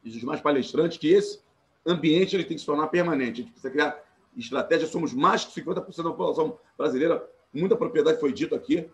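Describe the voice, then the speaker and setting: A man's voice: fairly high pitch, quick pace. A Brazilian man with a Carioca accent, in his forties, speaking earnestly and emphatically as a panelist on a live video call, often restarting his sentences. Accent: Carioca Portuguese. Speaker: panelist, former law student and activist. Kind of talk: live-streamed panel talk.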